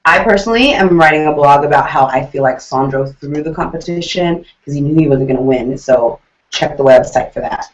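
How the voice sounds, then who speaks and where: Woman co-host, animated, jokey, opinionated, roomy echo, dull lo-fi sound. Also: low voice, a little fast. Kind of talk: casual TV recap chat.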